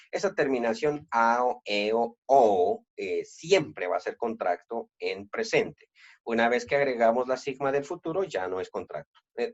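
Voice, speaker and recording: Lively-pitched man teaching Greek grammar. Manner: frequent "eh" fillers, thinking aloud. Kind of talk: explanatory grammar lesson. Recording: dull lo-fi sound.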